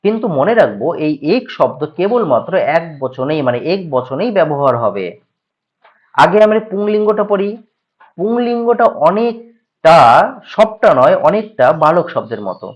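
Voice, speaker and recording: Bengali accent guy teaching sanskrit grammar, drills word forms, bit high voice, dull audio. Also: big pitch swings. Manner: recites word forms in slow drilled lists, quizzes listeners. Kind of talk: grammar lesson, reciting declensions.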